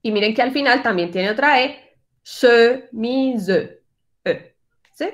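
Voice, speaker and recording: A woman teaching French pronunciation to singers over a video call, patient and encouraging, slowly demonstrating each sound. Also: a little high, animated, a bit bright. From Colombian Caribbean coast. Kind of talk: online workshop lesson.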